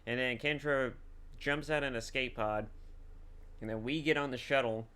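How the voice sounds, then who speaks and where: A man talks through a horror game he is playing, recapping the story in a crude, sarcastic way and swearing freely. His voice is bright and forward, at an ordinary middle pitch. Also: steady tone, normal speed, smooth. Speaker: gameplay streamer. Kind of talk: casual let's play commentary.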